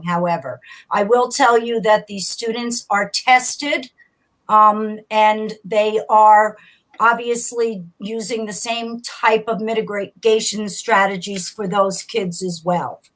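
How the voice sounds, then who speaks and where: Woman guest calling into a radio talk show, steady and reassuring, explains school policy. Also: mid-range voice, slow, low-quality recording. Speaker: teachers' union leader, guest. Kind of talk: call-in radio interview. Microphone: remote call.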